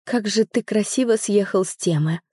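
A woman's voice: mid-range voice, normal speed, a little mellow, husky, no room sound, pitched above the performer's own voice, close to an everyday voice. Woman doing bitter young woman, tearful, accusing, dry close sound. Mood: hurt. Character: young woman, hurt and bitter after loss.

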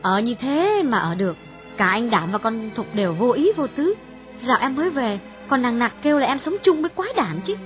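A woman voicing a gossipy, blunt young woman in an audiobook, asking prying questions in a husky voice. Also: fairly high pitch, sing-song, brisk, faint music behind. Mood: indignant. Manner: scolding, nosy questions. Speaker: audiobook voice actress.

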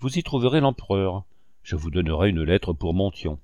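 A commanding old marshal barks short orders, as a man reads him aloud. The voice sits low and is heard in a dry, close recording. It stays brisk and to the point. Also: expressive, mellow, no room sound, dull audio. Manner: terse orders.

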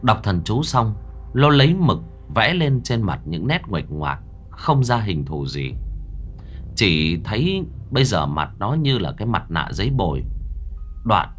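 A man tells a ghost story in the first person, his low voice rising and falling dramatically with every turn. Soft music plays quietly underneath. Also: very animated, measured pace. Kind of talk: horror story narration.

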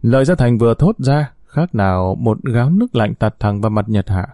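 A man narrating a romance story in a steady, scripted storytelling manner. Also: mid-range voice, fairly quick, no echo, clean studio sound. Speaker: audiobook narrator.

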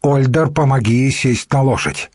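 A man's voice: mid-range voice, moderate pace, a little mellow, slightly rough, no echo, studio quality, close to an everyday voice. A man voicing a haughty palace official who gives curt commands in an audiobook.

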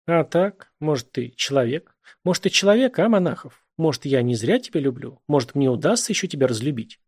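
A husky-voiced man reading a novel aloud, voicing a brash, teasing young woman with a quick temper. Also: on the high side, big pitch swings, full character voice. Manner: sharp, needling, exclaiming.

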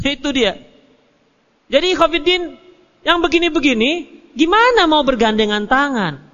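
A male Islamic preacher giving an animated study lecture, answering questions and acting out little dialogues with joking asides. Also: very high voice, moderate pace. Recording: muffled hall recording with long echo.

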